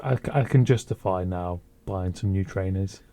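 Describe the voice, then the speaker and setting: Mellow low-voiced podcast host. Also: male voice, normal speed. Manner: rambling, anecdotal storytelling with restarts. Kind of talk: casual chat.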